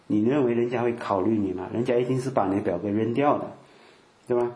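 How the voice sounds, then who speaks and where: A man's voice: mid-range voice, fast, darkish tone, echoey room. An older man giving a conversational sermon, full of filler particles and acted-out quotes. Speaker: preacher.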